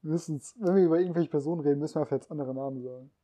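A man's voice: fairly high pitch, racing, mellow. A young man co-hosting a casual podcast among friends at home, rambling in slang and trailing off into a mumble. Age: young adult. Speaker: podcast co-host. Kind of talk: casual chat.

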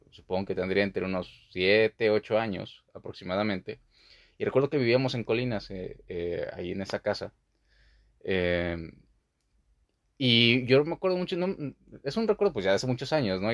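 A man's voice: on the low side, no room sound, clean studio sound. A young man hosting a podcast, talking through a childhood memory in a rambling, casual way with many fillers. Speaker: podcast host.

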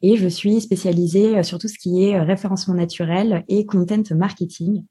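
Husky, low-voiced woman explaining slowly. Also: fairly even intonation, dark tone. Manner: explains with many hesitations. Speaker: podcast guest, digital marketer. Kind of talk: podcast interview.

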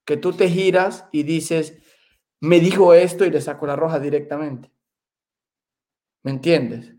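Man, podcast co-host, casual chat, excitable, stumbles and repeats words, slightly high voice. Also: a little slow. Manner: excitable, repeats words while searching for them.

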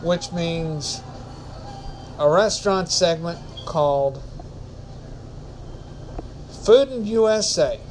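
A man's voice: a little high, expressive, takes it slowly, long pauses, darkish tone, a little hiss or hum, rough recording. A man hosting a casual solo podcast, rambling and often correcting himself. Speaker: podcast host.

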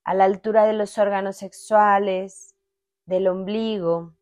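Over meditation music with sustained tones, a medium-pitched woman leads a guided meditation. She speaks calmly and without hurry, in short phrases separated by long pauses.

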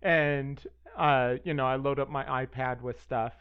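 A man's voice: mid-range voice, steady tone, measured pace, clear, resonant tone. Playful male co-host, slightly dull sound. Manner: playful, joking. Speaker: podcast co-host. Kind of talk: casual chat.

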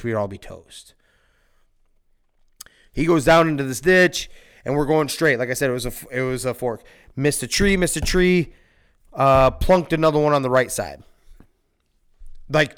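As a guest on a casual podcast, a man tells a wild story, animated and profane, laughing often and shouting as he acts out the scene. His voice is mid-range with a clean tone.

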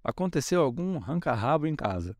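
A man's voice: fairly high pitch, big pitch swings, brisk, no room sound. A young Brazilian man with a Brazilian Portuguese accent, hosting a casual solo podcast and chatting freely, often acting out bits of dialogue in playful voices. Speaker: podcast host.

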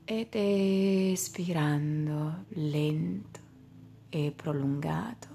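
Woman guiding meditation really slowly, gravelly fry in her voice, lots of soft whispering. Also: low-pitched, a little hiss or hum. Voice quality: slow, soft, drifting into whispers. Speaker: meditation guide. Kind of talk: guided meditation.

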